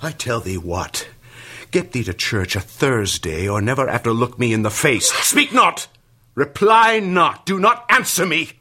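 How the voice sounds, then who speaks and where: A man's voice: fairly low pitch, lively intonation, moderate pace, husky. An actor playing a furious, domineering older nobleman who blusters and threatens his daughter in classical verse. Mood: enraged. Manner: blustering, shouting threats, then cold and menacing. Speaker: actor in a stage play.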